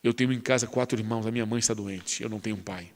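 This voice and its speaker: A man voicing a poor, starving schoolboy who pleads in a hushed, tearful way. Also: fairly low pitch, steady tone, very fast, in a large hall, natural voice. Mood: pleading.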